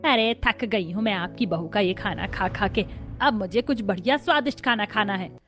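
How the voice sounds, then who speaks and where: A woman voicing a stern, food-loving older mother-in-law in an animated family drama, talking in a bossy, demanding way. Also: medium pitch, normal speed, lightly acted. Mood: indignant.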